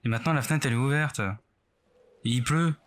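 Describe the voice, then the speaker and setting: Man, medium pitch, horror game streamer, casual let's play commentary, anxious, self-deprecating, rambling. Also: fast. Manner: nervous, self-mocking, rambling to himself. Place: bedroom at home, indoors.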